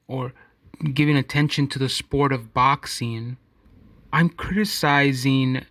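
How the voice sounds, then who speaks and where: Slow-talking man with a dry close sound. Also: mid-range voice, a bit bright, dry recording. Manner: rambling, self-correcting, conversational. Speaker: podcast host. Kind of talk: casual solo commentary.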